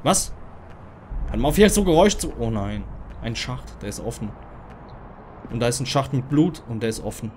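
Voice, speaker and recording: A man hosting a let's play of a horror game. He talks in a jumpy, panicky way, keeps calling out into the dark and yelps at every scare. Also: medium pitch, expressive, moderate pace, long pauses, a little hiss or hum.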